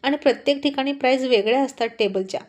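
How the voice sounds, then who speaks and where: A meek young man who soothes and pleads with his demanding girlfriend, as a woman storyteller reads his lines. The voice stays soft and fairly high, plainly her own, in a spoken storybook. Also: fast, lightly acted. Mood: pleading.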